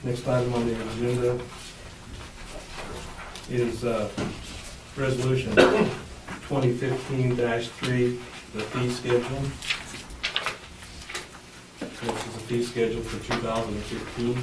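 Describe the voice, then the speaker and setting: An American man chairing a council meeting as mayor, speaking politely and a little haltingly in formal procedural language. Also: mid-range voice, little pitch movement. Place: echoey meeting room. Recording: distant mic, roomy echo, clear background noise.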